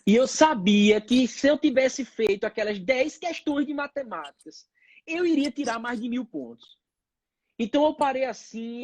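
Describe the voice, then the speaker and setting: A man's voice: very high voice, a little mellow, no echo. A man, telling his own story as an interview guest, acting out the voices of the people in it. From Northeast Brazil. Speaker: pediatrician guest.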